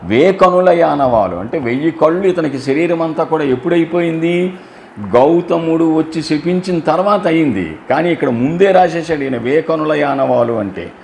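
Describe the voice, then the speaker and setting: A man's voice: fairly high pitch, lively intonation, creaky, a little mellow, a little hiss or hum. A man giving a religious storytelling discourse, explaining verses line by line and asking his listeners rhetorical questions. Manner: chants verses in slow drawn-out melody.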